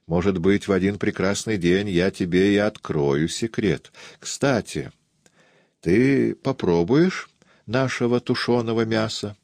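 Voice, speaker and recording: A man's voice: lowish voice, measured pace, dry recording, clean studio sound. A man voicing a kindly, fussy older aunt who chatters in a confiding way. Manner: warm confiding chatter, raised voice.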